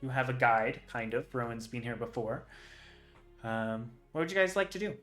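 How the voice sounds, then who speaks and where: A man's voice: medium pitch, animated, moderate pace, a bit bright, faint music behind. A man running a tabletop game as game master, describing the scene in a loose, rambling way full of ums and likes.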